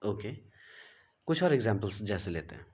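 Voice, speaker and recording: A man's voice: lowish voice, very animated, moderate pace, darkish tone. A man teaching pronunciation in a classroom-style lesson, spelling out words letter by letter, repeating them and checking with "right?". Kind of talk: classroom lesson, explaining rules slowly.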